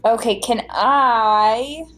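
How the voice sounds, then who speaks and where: A woman's voice: fairly high pitch, extremely slow, a bit bright. A woman player talking casually through her moves in a tabletop game.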